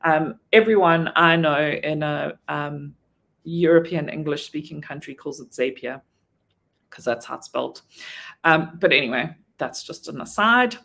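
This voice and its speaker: A woman's voice: low-pitched, normal speed, vocal fry, a bit bright. A South African woman giving a casual online training talk on virtual assistant work, with frequent ums and self-corrections.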